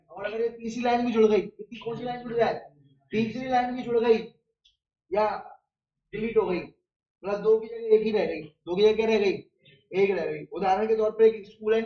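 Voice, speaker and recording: A man gives a casual biology lecture, firing questions at his class and answering them himself with everyday examples. His voice sits high and carries around a roomy, echoing space. The recording is distant from him and dull in tone. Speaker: biology teacher.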